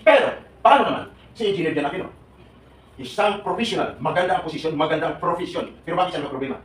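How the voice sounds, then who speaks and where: Older man, 70s, live seminar speaker, quick and joking, echoey hall recording. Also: on the high side, recorded from a distance, slight background noise. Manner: animated, joking, questioning the audience. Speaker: OFW advocate speaking to workers. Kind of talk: live seminar talk to a crowd. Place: large hall with an audience.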